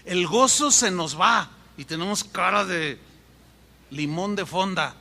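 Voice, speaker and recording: A man preaching a sermon as pastor, animated and acting out voices in his stories. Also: high-pitched, takes it slowly. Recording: echoey hall with long reverb.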